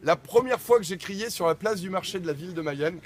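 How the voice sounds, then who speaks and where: A man's voice: sits high, animated, a little fast. A man working as a town crier, theatrically declaiming messages and stories to a crowd in a playful, projected street-performer delivery. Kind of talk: theatrical public crying and storytelling to a crowd. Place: crowded school gathering. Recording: crowd chatter, live at a distance.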